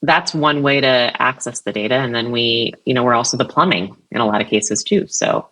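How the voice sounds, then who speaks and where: Bright, emphatic woman guest. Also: extremely low pitch, poor audio. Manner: energetic, emphatic, quick bursts. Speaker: guest, CRM vice president. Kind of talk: podcast interview.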